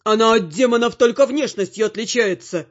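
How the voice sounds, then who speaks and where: A man's voice: extremely high pitch, a little fast, pitched above the performer's own voice. A male reader voicing a grumbling, indignant middle-aged father, on a dull lo-fi recording.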